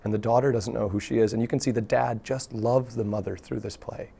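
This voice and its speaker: Gravelly-voiced man, earnest storyteller. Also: lowish voice, a little fast, slight background noise. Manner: earnest, animated storytelling with frequent restarts. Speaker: guest, local theatre artist. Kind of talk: casual interview talk. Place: TV studio.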